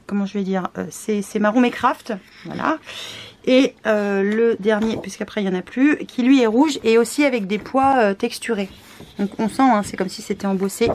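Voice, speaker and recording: A tired woman chats through a craft unboxing in a voice of middling pitch. She hesitates often, fills gaps with small sounds and pokes fun at herself. The tone stays casual and unhurried. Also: a little hiss or hum. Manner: hesitant, many fillers, self-deprecating asides. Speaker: scrapbooking vlogger.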